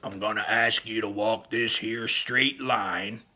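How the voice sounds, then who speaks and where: A man's voice: lowish voice, steady tone, slow pace, pushed and bright, full character voice. A man voicing a stern cyclops police officer in a read-aloud story, with a firm, commanding delivery.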